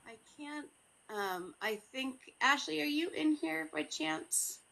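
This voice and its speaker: A woman hosting a live stream, tired and hesitant, with many pauses and ums. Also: high voice, lively intonation, creaky, pushed and bright, low-quality recording. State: exhausted. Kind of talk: casual live-stream chat.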